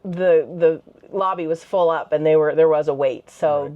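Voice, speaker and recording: A woman's voice: low voice, normal speed. Chatty woman recapping, lo-fi sound. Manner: chatty, relaxed, with fillers. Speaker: vlog co-host. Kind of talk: casual sit-down recap chat.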